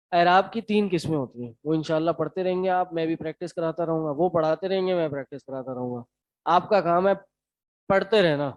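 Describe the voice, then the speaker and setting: A man with a Pakistani Urdu accent teaching a lesson, quizzing his students in a brisk, encouraging way. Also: fairly high pitch, darkish tone, no echo. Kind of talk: classroom lecture. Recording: dry, slightly dull sound.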